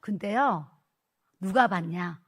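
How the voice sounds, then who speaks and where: A middle-aged woman pastor giving a personal testimony sermon, telling her story in a lively way and acting out the dialogue. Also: mid-range voice, slow, husky.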